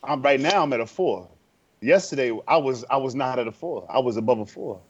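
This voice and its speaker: A man's voice: medium pitch, expressive, fairly quick, slightly rough, dry recording, muffled recording. A man co-hosting a podcast, chatting in a jokey, wry way. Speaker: podcast co-host. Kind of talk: casual chat.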